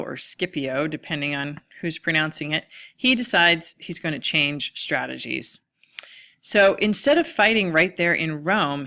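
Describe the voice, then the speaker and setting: A woman's voice: low voice, fairly bright tone. A woman teaching a history lecture over slides, talking casually with lots of ums and uhs. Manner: casual, with many fillers. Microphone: lecture recording mic.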